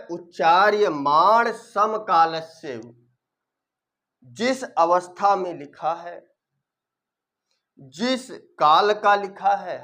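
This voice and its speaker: High-voiced man teaching slowly. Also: pushed and bright. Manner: recites rules syllable by syllable, then explains them with rhetorical questions. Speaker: Sanskrit grammar teacher. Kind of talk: online grammar lesson.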